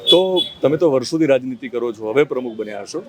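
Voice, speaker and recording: A man interviewing a politician, asking slow, thoughtful questions with hesitations and addressing viewers directly. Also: mid-range voice, animated, a little mellow, soft background music. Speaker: interviewer and news reporter. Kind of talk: conversational interview with asides to viewers.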